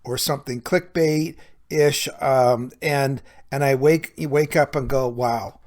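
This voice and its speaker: A podcast host who is also a recovery coach speaks solo, explaining things directly to the listener in a conversational, earnest way, as a coach would. His medium-pitched voice is a little mellow, steady in tone and slow in pace.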